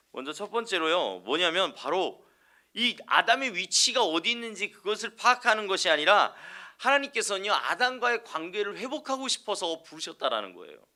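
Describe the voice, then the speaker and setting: Male evangelist, sermon, rhetorical questions answered himself, emphatic, very animated pitch. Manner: asks the congregation rhetorical questions and answers them; earnest, emphatic preaching.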